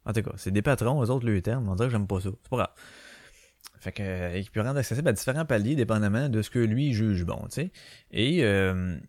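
A man's voice: lowish voice, brisk, darkish tone, dry recording, clean studio sound. Québécois man hosting a casual podcast. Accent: Québécois French. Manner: rambling, many fillers and restarts. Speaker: podcast host. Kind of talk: casual solo podcast talk. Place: small bedroom at home. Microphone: small home microphone.

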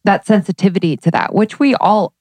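A woman co-hosting a podcast, asking relaxed, curious questions in casual chat. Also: mid-range voice, fairly quick, no room sound. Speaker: podcast co-host.

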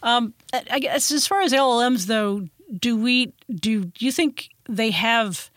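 A woman's voice: on the high side, measured pace, a bit bright, no echo, clean studio sound. A woman hosting an interview, asking thoughtful questions with many hedging fillers. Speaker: podcast host.

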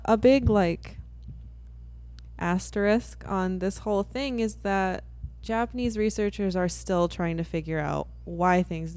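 A woman co-hosting a casual podcast, explaining points in an animated way with lots of fillers. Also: fairly low pitch. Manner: animated, laughs often, explains with many fillers. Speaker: podcast co-host.

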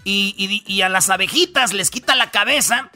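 A man's voice: high-pitched, moderate pace, sharp tone, soft background music. A man with a Mexican Spanish accent hosting a radio comedy show, rambling through the news in slangy, jokey storytelling. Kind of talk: comic news rundown.

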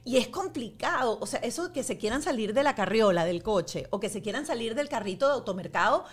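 A woman hosting a podcast interview, telling anecdotes in an animated way and laughing often. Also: a little high, a little fast. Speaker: podcast host. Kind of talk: casual interview chat.

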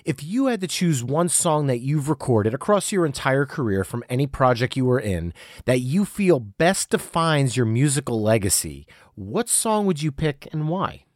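Male podcast host, mid-pitched voice, earnest polished delivery, dry sound. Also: sing-song, moderate pace, hardly any pauses, no room sound. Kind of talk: interview hosting.

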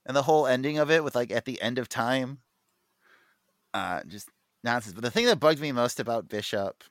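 A man's voice: mid-range voice, animated, moderate pace, no room sound. Man, podcast co-host, mid-range voice, dry close sound, rambling fan enthusiasm. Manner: rambling, enthusiastic, many fillers and restarts. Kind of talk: casual comic book chat.

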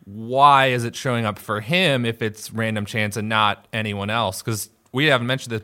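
A man's voice: on the low side, sharp tone. A man co-hosting a sports podcast, chatting casually and thinking through questions aloud. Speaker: podcast co-host.

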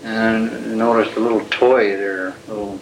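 A middle-aged male detective questioning a suspect on an old archival tape recording, speaking haltingly with many fillers. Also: lowish voice, little pitch movement, vocal fry, a little hiss or hum, rough recording. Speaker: police detective interrogating a suspect. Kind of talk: police interrogation.

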